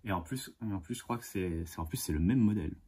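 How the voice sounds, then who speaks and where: A man hosting a casual unboxing vlog as a model car collector, enthusiastic and halting, with many fillers and restarts. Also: sits low, dark tone, breathy edge. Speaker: die-cast model car collector and channel host.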